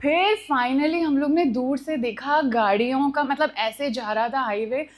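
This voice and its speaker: Young woman storyteller, high voice, lively, mixes english into her telling, makes the sound effects herself. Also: measured pace. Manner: animated, acts out noises with sound words; mixes Hindi with English phrases. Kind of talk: live personal storytelling.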